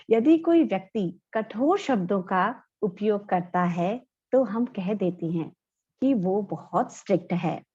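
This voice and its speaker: Slow, husky woman lecturing. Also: mid-range voice, dark tone. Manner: slow, measured, explanatory. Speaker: instructor. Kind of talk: slide-led lecture. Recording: dull lo-fi audio.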